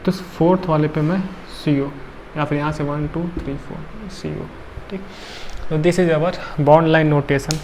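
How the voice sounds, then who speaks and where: A tired man teaches chemistry in a fairly high voice. He works step by step, counting aloud and checking in with the class often. A faint hiss sits under the recording. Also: darkish tone. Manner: counts atoms aloud, frequent checking tags. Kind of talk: classroom lecture.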